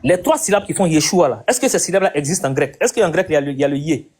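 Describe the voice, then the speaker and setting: A man's voice: fairly high pitch, expressive, racing, darkish tone, husky. A man hosting a debate, insistently questioning his guest and repeating his points. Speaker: debate host. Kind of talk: live debate conversation.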